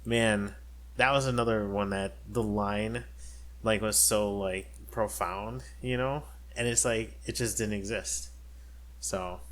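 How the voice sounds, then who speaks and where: A man's voice: fairly low pitch, fairly bright tone. A man co-hosting a podcast in casual chat, rambling with many fillers and restarts. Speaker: podcast co-host.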